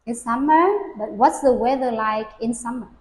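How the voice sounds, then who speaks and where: This is a woman whose voice is on the high side, speaking at normal speed in an echoey room. During an English speaking test for a young learner, she asks simple questions patiently and demonstrates whole sentences for the child to echo.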